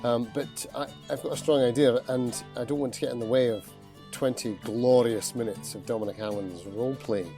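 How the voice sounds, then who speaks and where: Casting: male game player, mellow and a little low, playful, halting delivery, soft music behind. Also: fairly even intonation. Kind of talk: casual tabletop role-play chat.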